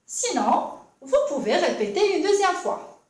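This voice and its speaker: A high, lively female voice leads young children through a handwriting lesson at a patient, slow pace. She is heard from some way off the mic. The room around her adds a clear echo. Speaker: primary school teacher. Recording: echoey room, voice from a distance.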